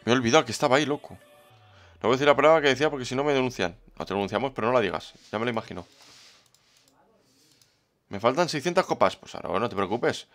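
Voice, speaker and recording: Streaming a game, a man with a Spain Spanish accent chats casually, reads the chat, and welcomes viewers by name. He sounds medium-pitched, expressive, and fairly bright, talking quickly but pausing often.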